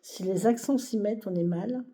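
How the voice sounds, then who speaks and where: A woman's voice: mid-range voice, moderate pace, warm tone. A woman giving a weekly tarot reading to camera, speaking to viewers in a reassuring way and hesitating often with fillers and repeated phrases. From France. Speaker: tarot reader.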